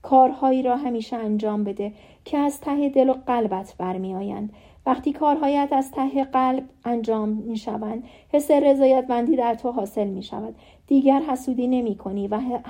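A dying old professor with a gentle, wise manner, read by a woman in an audiobook. He gives calm, earnest advice in a mellow, fairly high voice. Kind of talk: audiobook reading.

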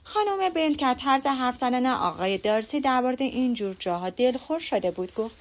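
A woman narrating an audiobook in a calm, even storytelling manner. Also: high voice. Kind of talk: audiobook reading.

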